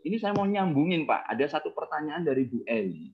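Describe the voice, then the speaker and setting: A man's voice: fairly high pitch, big pitch swings, fairly quick. A man hosting an online talk, chatty and always checking for agreement with his guest. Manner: chatty, keeps seeking agreement with tag questions. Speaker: webinar host and moderator. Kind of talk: online talk-show moderating. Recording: muffled lo-fi audio.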